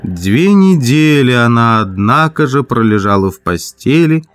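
A man reading a classic story aloud as an audiobook narrator, in measured, even storytelling. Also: medium pitch, faint music behind. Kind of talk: scripted narration.

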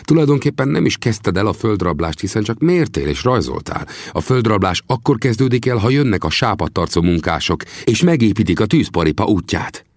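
A man's voice: fairly low pitch, big pitch swings, few pauses, dry recording, clean studio sound, voice pushed up. A man voicing a proud, earnest young male Apache chief in an audiobook, speaking solemnly and with reproach. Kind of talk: audiobook character voice.

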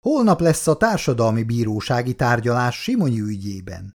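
A man's voice: medium pitch, big pitch swings, darkish tone. A man reading aloud as a blunt, bossy factory foreman. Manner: gruff and commanding. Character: middle-aged male foreman, blunt and bossy.

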